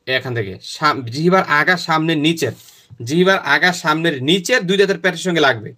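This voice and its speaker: Bright-voiced man teaching pronunciation. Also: on the high side. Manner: repetitive, demonstrating sounds slowly and often. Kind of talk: step-by-step pronunciation lesson.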